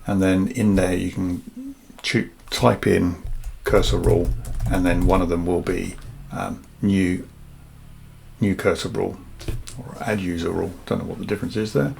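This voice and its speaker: A man half whispering as he casually talks through his software project, thinking aloud with frequent fillers. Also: low-pitched, fairly even intonation, normal speed, gravelly, slight background noise. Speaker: software developer vlogger. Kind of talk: casual screen-share walkthrough.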